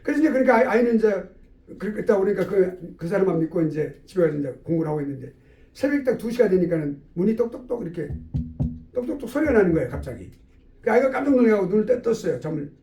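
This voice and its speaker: A male theology professor telling a story in an animated lecture, in an echoey room away from the mic. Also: sits high, fast, far from the mic. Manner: animated, with acted-out dialogue.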